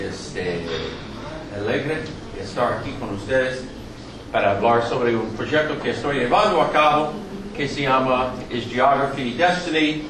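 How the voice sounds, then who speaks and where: This middle-aged male guest lecturer from New York speaks English natively with a strong American accent, his voice sitting at medium pitch. His public lecture is halting and full of fillers, peppered with jokes and asides. The hall echoes, the mic is distant, and there's background noise.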